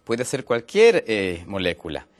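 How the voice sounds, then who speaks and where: On a health program, a guest from Ecuador takes his time explaining a topic, with frequent pauses and fillers. His fairly low voice swoops wildly up and down in pitch.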